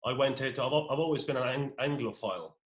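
A man in his forties from Norway, speaking English as a second language after Norwegian, with a mid-pitched voice. He talks in a halting way, repeating words as he finds his phrasing in a relaxed interview. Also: dull audio. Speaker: pub owner guest. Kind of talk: casual interview.

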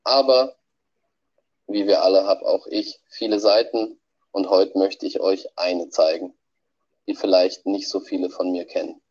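A man with a cold and a nasal voice, heard as a low-quality audio file played back on a podcast, delivering a prepared message. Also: fairly even intonation, unhurried, a little mellow. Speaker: podcast regular sending a birthday message. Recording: dull lo-fi playback.

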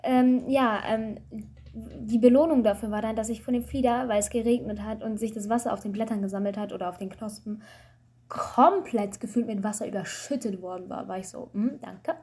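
Woman student, higher voice with a dark husky tone, rambling self-mocking storyteller in a casual call chat. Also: steady tone, a little fast.

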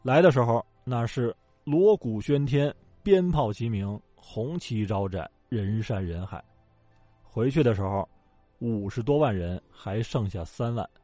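A man with a mid-range, warm voice tells history at a measured pace, in a casual storytelling style full of jokes, colloquial asides, and acted-out quotes. He's recorded dry on a close mic, with faint music in the background and no echo.

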